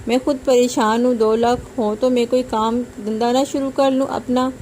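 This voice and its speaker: A worn-out young husband, weary and short-tempered, as a woman reads his lines. The voice sits a little high and mellow, with faint noise behind it. It is read plainly, like a spoken storybook. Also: level tone, natural voice. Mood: irritated. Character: tired, harried young husband.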